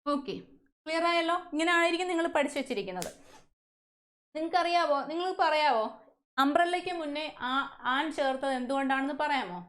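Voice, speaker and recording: A woman's voice: high-pitched, expressive, fairly quick, long pauses, fairly bright tone. A woman from Kerala with a Malayali accent teaching an English class, often asking questions and answering them herself. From Kerala, India. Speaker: English teacher at a coaching centre. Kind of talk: classroom lesson.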